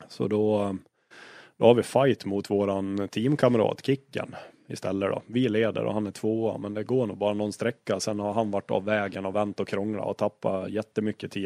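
Low-voiced man telling rally stories. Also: vocal fry, no room sound, studio quality. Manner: lively storyteller, swears freely, acts out quarrels. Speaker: rally co-driver. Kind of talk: casual anecdote telling in an interview.

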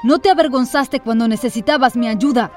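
A woman's voice: a little high, brisk, soft background music, lightly acted. A woman voicing a bitter young man. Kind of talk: animated story voice-over.

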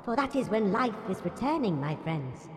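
Little cave critter w/ a huge echoey voice, super high and bouncy. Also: male voice, sing-song, moderate pace. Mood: enthusiastic. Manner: enthusiastic, welcoming. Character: tiny crab-like cave creature with huge booming voice. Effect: echoing voice. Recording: echoey reverberant hall.

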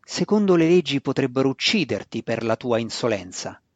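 A man reading an audiobook, voicing a stern, proud dark elf high priestess who speaks with cold, scornful authority. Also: big pitch swings, a little fast, no room sound, lo-fi sound. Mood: commanding.

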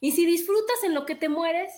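A woman's voice: very high voice, normal speed, darkish tone. A woman hosting a casual chat, talking in an enthusiastic, encouraging way. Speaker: host.

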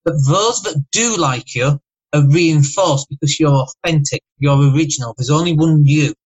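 A man's voice: on the high side, darkish tone, husky, highs cut off. A man with a Northern English accent and a slight lisp, talking emphatically and motivationally as a podcast guest. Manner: emphatic, motivational, rapid asides. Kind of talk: casual podcast chat.

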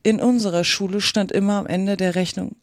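A reader voicing a sad, sighing mock turtle, speaking slowly and plaintively in a storybook reading. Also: mid-range voice, steady tone, dry recording, studio quality, natural voice. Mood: mournful. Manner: slow, drawn-out, plaintive. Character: mournful sighing mock turtle from a fairy tale. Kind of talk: reading a children's classic aloud.

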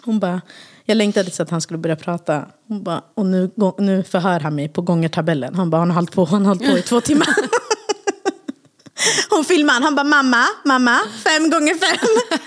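A woman's voice: on the low side, expressive. A woman in her thirties co-hosting a casual podcast chat, telling anecdotes with quoted voices and plenty of laughter. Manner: chatty, laughs often, quotes others in her stories. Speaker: podcast co-host.

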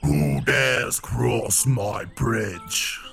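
Man doing a slow, gravelly, dopey bellowing troll. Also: a bit bright, faint music behind, exaggerated voice. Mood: gruff, demanding. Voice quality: booming voice. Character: big hairy clawed troll under a bridge, greedy for pies. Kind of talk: tabletop game role-play.

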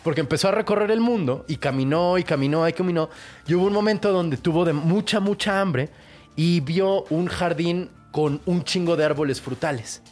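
A young adult man with a Mexican accent, casually retelling a fairy tale in slangy, animated speech and acting out the characters. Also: on the high side, moderate pace, soft background music.

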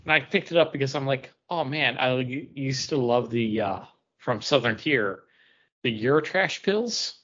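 The host of this casual podcast chats in an animated, mid-range voice that's fairly bright and moves at a normal speed. His audio comes through dull and lo-fi.

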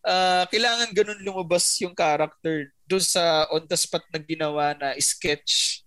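A man's voice: a little high, unhurried, no room sound. A man, a podcast guest telling stories in casual chat and laughing often. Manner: laughs often, animated storytelling.

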